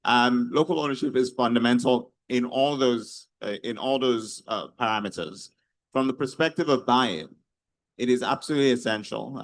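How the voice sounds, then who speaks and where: A man's voice: mid-range voice, no echo, low-quality recording. A man with a Nigerian Yoruba accent giving a considered answer as a panelist in a discussion.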